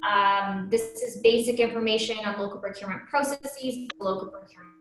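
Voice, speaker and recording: A woman's voice: medium pitch, fairly even intonation, fairly quick, a bit bright. A woman giving an online presentation whose audio keeps cutting out and glitching. She talks hesitantly, with many fillers and restarts. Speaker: webinar presenter. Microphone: video call. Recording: echoey, glitchy video-call audio with faint noise.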